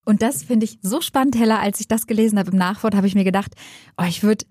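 A woman's voice: medium pitch, fast talker, a little mellow, no echo, studio quality. Musing woman chatting about books. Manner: musing, thinks aloud with many tag questions. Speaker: book podcast co-host. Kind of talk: casual book discussion.

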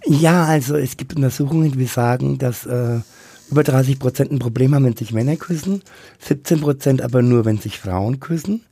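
A middle-aged man with a husky, gravelly voice, talking candidly and haltingly as an interview guest. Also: medium pitch, warm tone. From Franconia, Germany. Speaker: interview guest, drag queen and queer activist.

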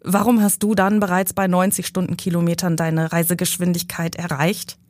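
A woman's voice: fairly low pitch, little pitch movement, normal speed, a little mellow, dry recording, clean studio sound, lightly acted. A woman reading aloud from her novel, voicing a fussy, condescending young man who lectures the driver. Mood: smug. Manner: smooth, pedantic and condescending. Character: smug, fussy young man, know-it-all passenger.

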